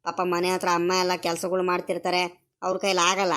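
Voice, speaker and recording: A woman voicing a poor, dutiful young male farm boy in a village cartoon, explaining things softly and pleadingly in a rural Karnataka Kannada accent. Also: fairly low pitch, completely flat delivery, brisk, natural voice. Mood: weary. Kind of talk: animated cartoon voice acting.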